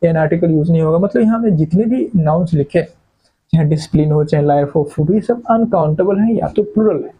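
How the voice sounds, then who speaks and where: A man's voice: on the high side, brisk, breathy edge, narrow, tinny audio. A man teaching English grammar in a classroom-style lecture, often asking a question and then answering it himself. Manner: asks questions and answers them himself, repeats key words.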